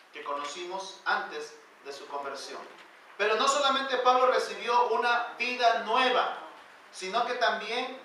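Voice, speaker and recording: A male pastor preaching a sermon in a church, pushing phrases up loud and then sinking them to a near hush. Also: high-pitched, slight background noise. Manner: emphatic preaching, rising loud then dropping quiet. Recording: very echoey church hall, voice from far off.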